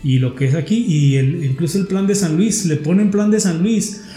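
A man with a northern Mexican border accent speaks in a soft, mellow and slightly high voice. He chats casually like a talk host, circling back and repeating phrases with enthusiasm. The room is echoey, with faint music. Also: moderate pace. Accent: northern Mexican border Spanish. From US-Mexico border region of El Paso and Ciudad Juárez. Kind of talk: casual conversational talk on local history. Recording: roomy echo, faint music.

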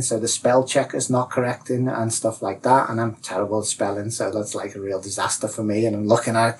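Talking loosely and animatedly, this guest coach on self-realisation keeps dropping "like, you know" and voices his inner thoughts in raised, louder tones. The mic is far away, so the poor-quality audio has a faint hum of the room behind him.

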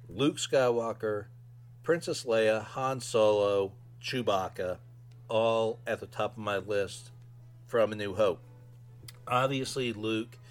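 Low-voiced man hosting a casual podcast. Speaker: podcast host. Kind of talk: casual solo fan review.

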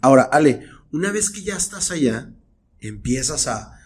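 A man from Tijuana hosting a relaxed interview, asking questions and giving short affirmations. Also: mid-range voice, moderate pace, husky. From Tijuana, Mexico. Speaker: host. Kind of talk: casual interview chat.

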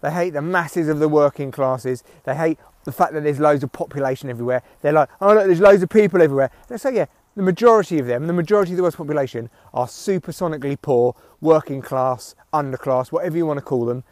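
A man's voice: a little high, quick pace, hardly any pauses, darkish tone, dry recording. A man hosting a rambling, opinionated solo comedy podcast, ranting and swearing, recorded outdoors through headphones used as a microphone. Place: outdoors in windy weather. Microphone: headphones used as mic. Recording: recorded through headphone mic, rustly clicks.

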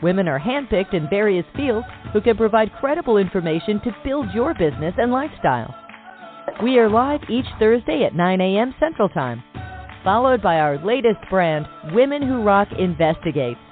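A woman's voice: mid-range voice, sing-song, normal speed, faint music behind. A woman announcer reading a scripted promotional introduction for a podcast. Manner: read, promotional delivery. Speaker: show announcer. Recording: tinny lo-fi audio.

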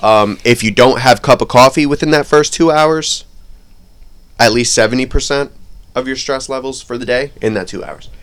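A man's voice: medium pitch, normal speed, fairly bright tone. Brief: man from New Jersey, podcast co-host, swears freely, tells stories and acts out the quotes. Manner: profane, storytelling with acted-out quotes. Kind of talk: casual chat.

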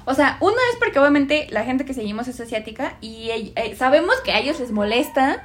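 Mujer mexicana de voz algo aguda, charlando. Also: female voice, high voice, a little fast. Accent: Mexican Spanish. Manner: rambling, many fillers, animated. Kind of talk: casual chat.

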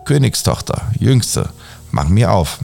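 A man's voice: lowish voice, moderate pace, a little mellow, faint music behind, lightly acted. A man voicing a male frog from a storybook who keeps begging the princess to let him in. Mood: coaxing. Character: pleading male frog at the well.

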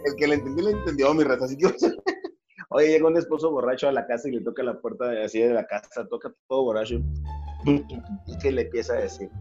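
A man's voice: medium pitch, a little fast, darkish tone, soft background music. Mexican man, middle-aged, casual joke-teller, rambles, dull lo-fi sound. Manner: rambling, repeats words, playful slang. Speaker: comedian telling jokes.

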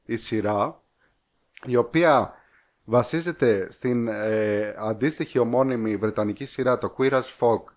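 A man co-hosting a podcast, talking about films and series in a relaxed, unhurried way. He often trails off into fillers while he hunts for the next word. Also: mid-range voice. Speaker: podcast co-host. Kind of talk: casual chat reviewing films.

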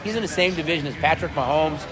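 A man with a slightly hoarse voice co-hosting and giving casual sports analysis. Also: on the high side, quick pace. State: slightly hoarse, losing his voice. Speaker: sports show co-host.

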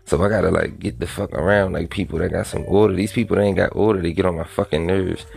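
A man's voice: deep voice, fairly even intonation, fast, gravelly, darkish tone, breathy edge. A man ranting bluntly and profanely in a casual monologue.

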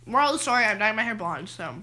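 A woman's voice: on the high side, bright, forceful tone. A teenage girl co-hosting a casual podcast, giggly and rambling, saying "like" a lot. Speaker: podcast co-host. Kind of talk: casual chat.

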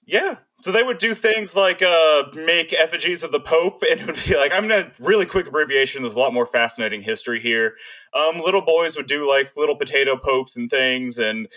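A man's voice: fairly high pitch, fairly quick, sharp tone, poor audio. A man co-hosting a podcast, rambling through stories in casual chat and swearing freely. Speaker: podcast co-host.

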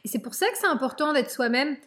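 High-voiced chatty woman hosting a podcast. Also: animated, fast talker, fairly bright tone. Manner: chatty, addresses listeners directly. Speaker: podcast host. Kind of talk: casual podcast interview.

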